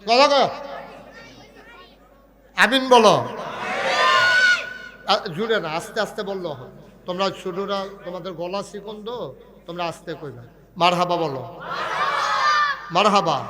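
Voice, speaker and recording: A high-pitched man preaches to a crowd, breaking into sing-song chanting. He keeps firing questions at his listeners and teases them between lines. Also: animated, measured pace, pauses often, very noisy. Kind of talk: humorous sermon to a crowd.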